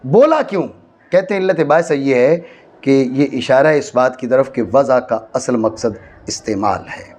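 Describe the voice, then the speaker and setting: A man from Pakistan teaching a classroom lecture, often stopping to check that students follow and slowly repeating key phrases for stress. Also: mid-range voice, lively intonation, darkish tone. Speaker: teacher of Arabic grammar. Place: madrasa classroom.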